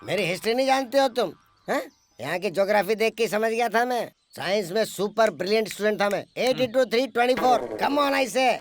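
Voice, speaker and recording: A man's voice: high-pitched, expressive, a little fast. An actor dubbing a boastful young man who drinks hard and drops English catchphrases. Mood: swaggering. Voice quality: swaggering, mixes English catchphrases. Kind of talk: Hindi film dub. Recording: film soundtrack with music.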